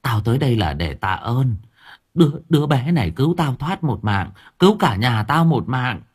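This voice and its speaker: A man's voice: mid-range voice, big pitch swings, normal speed, breathy edge. A man playing a commanding chieftain's wife. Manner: brusque orders to servants, gracious to guests. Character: wealthy chieftain's wife, commanding yet grateful.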